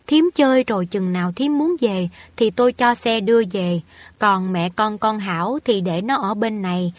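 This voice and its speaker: A woman voicing a kind, wealthy older man in a storybook reading, speaking in a calm, measured way. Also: mid-range voice, no echo, natural voice.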